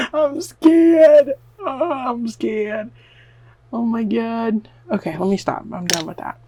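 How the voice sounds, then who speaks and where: Speaking slowly in a voice on the high side, a Southern US beauty vlogger rambles to her camera at home as she dyes her hair, sounding nervous, teasing herself, and using plenty of "like." The background is noisy.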